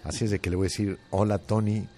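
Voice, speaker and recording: A man's voice: on the low side, level tone, fast talker, dark tone, soft background music. A man hosting a radio show, talking in a folksy, rambling way. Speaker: radio host. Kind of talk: casual radio chat.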